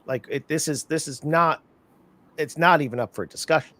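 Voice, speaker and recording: A man hosting an interview in casual chat, animated and talkative, acting out other people's lines as he tells stories. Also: fairly high pitch. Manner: animated storyteller, acts out scammers' lines in quick bursts. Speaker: podcast host.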